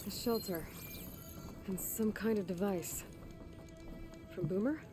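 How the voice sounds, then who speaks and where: A steady, resolute young huntress from a video game, voiced by a woman, talking in a calm, practical way. Loud game music runs under the dialogue. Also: mid-range voice, slow pace, close to an everyday voice.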